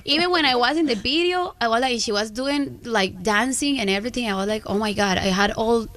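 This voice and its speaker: A native Spanish speaker from Medellín, Colombia, this woman chats as a guest singer in a radio interview, speaking with a strong accent. Her voice is fairly high, a bit bright and a little fast. She often searches for words, filling the gaps with many fillers and restarts.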